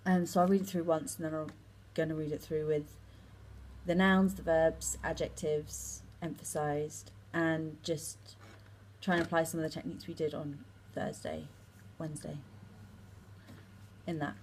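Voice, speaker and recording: A woman's voice: deep voice, little pitch movement, a little mellow, a little hiss or hum, rough recording. A young woman, a drama student, chatting about her monologue for class. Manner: chatty, with many ums and quick run-on sentences. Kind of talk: casual talk about her acting class work.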